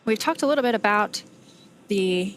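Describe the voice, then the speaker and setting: A woman's voice: mid-range voice, animated, moderate pace, slight background noise. A woman giving conversational, explanatory live commentary as a space mission broadcast host.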